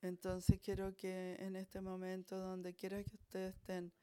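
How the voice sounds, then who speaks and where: A woman pastor leading a church altar call, praying fervently with pauses and restarts. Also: mid-range voice, monotone, dark tone, clean tone.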